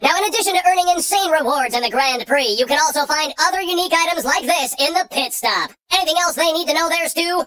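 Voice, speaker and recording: A man voicing a polished, pompous cartoon rooster race-show anchor with crisp, mock-formal announcer delivery. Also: very high voice, quick pace, hardly any pauses, bright, forceful tone. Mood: formal enthusiasm. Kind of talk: cartoon sports commentary parody.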